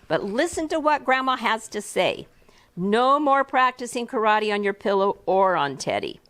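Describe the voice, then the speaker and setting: A woman reading the lines of a fond, chuckling old grandmother who gently scolds the kids. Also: mid-range voice, big pitch swings, normal speed.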